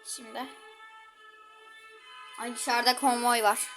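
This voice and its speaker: A woman's voice: a little high, little pitch movement, takes it slowly, a bit bright, faint music behind. A woman giving chatty gameplay commentary, exclaiming and talking to her viewers while she plays. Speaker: gaming channel host.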